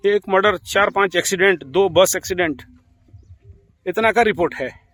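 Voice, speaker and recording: A man giving an informal astrology talk in Hindi-accented speech, rambling and animated, laughing at his own stories. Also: high-pitched, normal speed. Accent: Indian Hindi.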